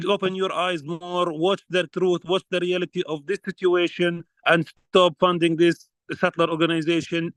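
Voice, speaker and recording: Earnest man with halting English. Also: on the high side, a bit bright, no room sound, poor audio. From Palestine. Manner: earnest, halting with many fillers. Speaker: field researcher speaking at a press conference. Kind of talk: prepared statement at a press conference.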